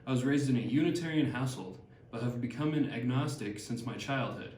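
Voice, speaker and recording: A man's voice: medium pitch, a little fast, darkish tone, a little hiss or hum, lightly acted. A young man playing Harriet Martineau, a learned older woman, reading lines plainly with small stumbles. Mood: measured. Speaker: student actor. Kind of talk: amateur class skit read from script. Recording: echoey room, distant mic.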